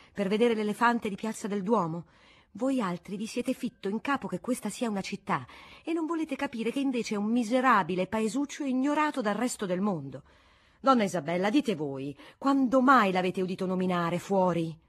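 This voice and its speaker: A woman reading an audiobook voices an impatient young nobleman who sneers at his town, with a husky voice. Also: mid-range voice, animated, moderate pace, lightly acted. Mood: scornful. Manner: sneering, heated.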